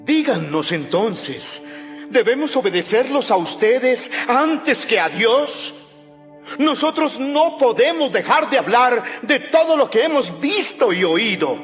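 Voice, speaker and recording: An actor playing the bold apostle Peter in a dramatized audio Bible, declaiming fervently and emphatically. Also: male voice, very high voice, sing-song, slow pace, exaggerated voice. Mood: defiant. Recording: music bed behind the voice.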